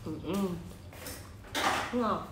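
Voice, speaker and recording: A woman, chatting casually in an eating vlog while chewing shrimp. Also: drawn-out words. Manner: chatty, talks between bites. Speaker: mukbang vlogger. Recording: echoey room with clear background noise.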